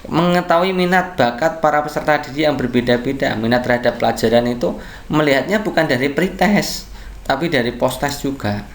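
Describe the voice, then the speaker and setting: A man tutoring online who talks through exam questions at an unhurried pace. He reads each answer option aloud in turn. He keeps checking in with his viewers by asking them to agree. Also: medium pitch. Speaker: online test-prep tutor.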